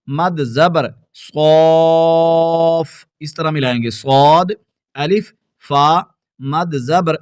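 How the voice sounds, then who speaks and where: A man teaching tajweed, explaining words briskly and then reciting the verses in a slow, melodious chant. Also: fairly high pitch, clean tone, no echo, studio quality.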